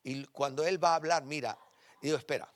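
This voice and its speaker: A man preaching a sermon in a church, telling personal stories with animated emphasis that drops to quiet, intimate tones. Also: on the high side, fast talker, no echo. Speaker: pastor.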